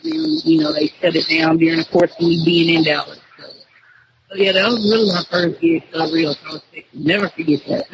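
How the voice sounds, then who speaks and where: Against a noisy background and dull audio, a young woman talks briskly in a deep voice with fairly even intonation. She's a radio host from Tyler, Texas being interviewed, and her casual talk is loose, slangy and full of fillers.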